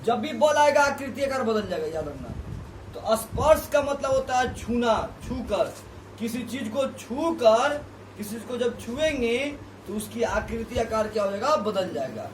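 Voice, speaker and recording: Guy teaching physics to a class, keeps repeating stuff and asking questions, high voice, sounds kinda far off. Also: lively intonation, a little slow, slight background noise. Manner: repeats key terms, asks students questions. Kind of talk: classroom lesson. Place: classroom with students. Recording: echoey room, voice from a distance.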